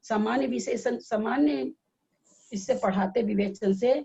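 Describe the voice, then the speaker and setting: A woman teaching a scripture class, speaking slowly and repeating sentences so listeners can take notes. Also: fairly high pitch, vocal fry, dark tone, slightly rough, highs cut off. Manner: slow, repeating sentences for note-taking.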